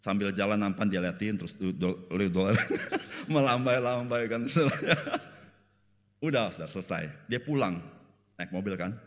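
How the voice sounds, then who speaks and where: A man with a lowish voice preaches in a Jakarta slang accent, telling stories loosely and joking with the congregation. He leaps into high voices to play the people in his anecdotes. His words ring out with the long reverb of a church sanctuary. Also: moderate pace. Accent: Jakarta Indonesian slang. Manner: folksy storytelling, jokes, keeps saying "saudara"; jumps into high animated voices to act out people in the story. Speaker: pastor. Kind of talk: sermon.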